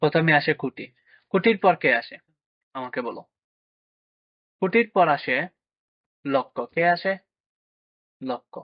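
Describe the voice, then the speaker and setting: A man's voice: fairly high pitch, lively intonation, measured pace, long pauses, dry recording. Man teaching children maths at a board. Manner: asks questions and answers them himself, with frequent check-ins. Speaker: math teacher. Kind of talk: classroom lesson for children. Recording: dry, dull lo-fi sound.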